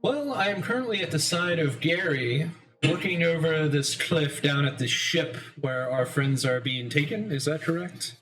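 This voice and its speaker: Man, player, slightly higher pitch, measured, questioning. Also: animated, a bit bright, low-quality recording. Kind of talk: casual chat.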